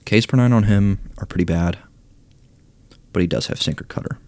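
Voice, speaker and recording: A young man commenting casually on a baseball video game, reading stats aloud and thinking out loud, hoarse as he loses his voice. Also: sits low, normal speed, no echo. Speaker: gaming YouTuber ranking cards.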